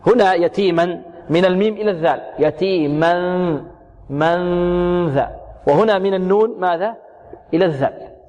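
A man teaching tajweed, repeating words slowly, drilling single sounds, asking and answering his own questions. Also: high voice, darkish tone, dull audio. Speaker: Quran recitation teacher. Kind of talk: tajweed lesson on pronunciation. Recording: long hall reverb.

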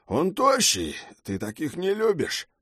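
A man's voice: on the high side, wildly swooping pitch, measured pace, a bit bright, dry recording, clean studio sound, voice pushed up, exaggerated voice. A man voicing a hulking, blunt male gang leader in an audiobook. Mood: gruff. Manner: blunt, growling.

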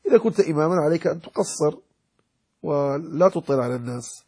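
Gravelly-voiced man teaching a religious lesson. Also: on the high side, lively intonation, quick pace, mellow. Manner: explanatory, repeats key points, checks understanding with the listeners. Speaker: sheikh teaching Islamic jurisprudence.

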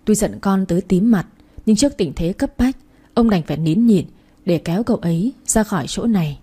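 A woman storyteller reading a story in a steady, even scripted narration. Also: mid-range voice, a little fast, husky.

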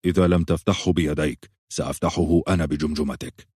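A man voicing a stern, protective knight who speaks in curt, sharp commands in an audiobook. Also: a bass voice, fairly even intonation, quick pace, slightly rough, no echo, studio quality.

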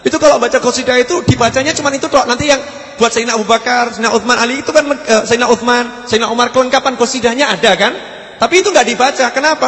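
Emphatic preacher man in echoing hall. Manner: swings from loud emphatic rising questions to soft low asides. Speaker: religious teacher. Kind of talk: Islamic study sermon.

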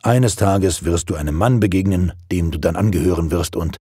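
Stern, proper father figure, deep and husky, lecturing, as a narrator puts him on. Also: mellow, dry recording, studio quality. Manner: strict, lecturing, measured.

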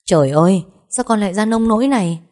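A woman's voice: on the low side, animated, brisk, dark tone. A woman voicing an alarmed, scolding mother. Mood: worried. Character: worried middle-aged mother.

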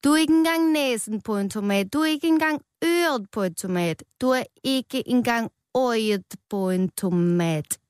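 A woman's voice: fairly low pitch, completely flat delivery, few pauses, dark tone, no room sound, studio quality, close to an everyday voice. A woman voicing a mocking tomato from a salad bowl who taunts with mock-Italian exclamations. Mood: taunting.

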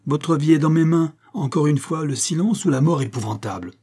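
A man's voice: on the high side, brisk, warm tone, breathy edge, pitched above the performer's own voice. A man reading the lines of a threatening master criminal in an audiobook, speaking with barely held anger. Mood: menacing. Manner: threatening, angry. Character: menacing master criminal, middle-aged man.

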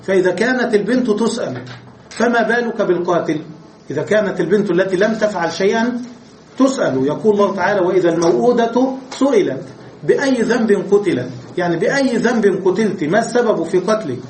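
A man's voice: sits high, lively intonation, fast talker, a little mellow. A man teaching Arabic grammar in a classroom lesson. He explains step by step and asks his students rhetorical questions. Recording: echoey room with faint noise.

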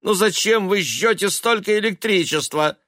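A man's voice: on the high side, animated, normal speed, a bit bright, no room sound, studio quality, voice pushed up. A man voicing a stingy, reproachful old mother who scolds her grown sons in a bitter, self-pitying way. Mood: scolding.

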